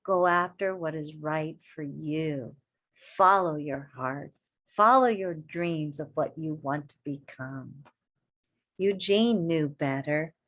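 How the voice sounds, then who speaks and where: Her voice sits low as she reads a children's story in the manner of an elementary teacher. She takes it slowly and expressively, pausing to ask her young audience questions and cheer them on.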